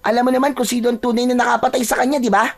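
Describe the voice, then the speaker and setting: A man's voice: high-pitched, fairly quick, voice pushed up. A man voicing a young chieftain's son who speaks in a reproachful, wounded way, in a storybook tale. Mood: resentful.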